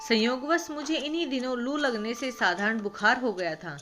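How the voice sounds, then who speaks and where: A woman's voice: on the high side, moderate pace, lightly acted. A woman reading a storybook voices a frail, sick old village man who pleads with a visitor. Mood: earnest. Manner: pleading, then earnest and heartfelt. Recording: background music.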